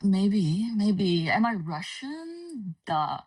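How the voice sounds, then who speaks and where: This is a mid-range female voice belonging to a Dutch livestream guest from the Netherlands. She talks casually and easily, with many pauses, and the echoey, distant recording makes it sound like she's speaking inside a cave.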